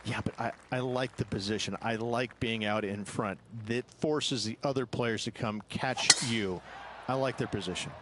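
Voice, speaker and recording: An actor playing a golf analyst in a video game broadcast, explaining things in a conversational golf commentary style. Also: male voice, medium pitch, normal speed, natural voice. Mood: explanatory. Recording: clear background noise.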